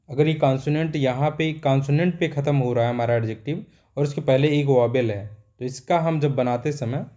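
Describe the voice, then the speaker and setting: Male teacher, warm mellow tone, mid-range voice, recaps grammar with self-answered questions. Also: medium pitch. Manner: repetitive, asks and answers himself.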